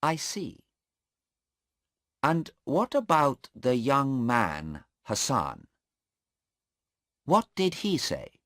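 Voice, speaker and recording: A man voicing a sharp, insistent male defense lawyer in a story read aloud, pressing a witness with pointed questions. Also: mid-range voice, very animated, extremely slow, pauses often, no echo, clean studio sound, voice pushed up, full character voice. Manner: pointed questioning, pushes hard.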